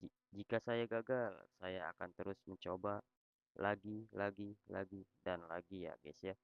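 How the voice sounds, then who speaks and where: A low, gravelly male text-to-speech voice in the social media style, introducing a channel with casual slang. The delivery is robotic and repeats little tag phrases, in a dull, lo-fi and very dry recording. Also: steady tone, moderate pace, dry recording. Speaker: video channel host.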